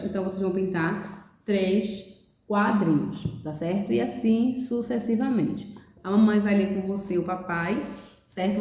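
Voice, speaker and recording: A woman's voice: mid-range voice, a little mellow. A woman teaching a class of young children, explaining each step patiently and checking often that they follow. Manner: patient, explains step by step, ends phrases with "certo?". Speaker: preschool teacher. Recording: echoey room.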